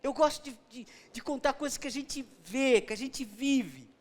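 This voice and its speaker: A man's voice: extremely high pitch, moderate pace. A middle-aged man with a Brazilian Portuguese accent, preaching a sermon as pastor and telling stories with rhetorical questions.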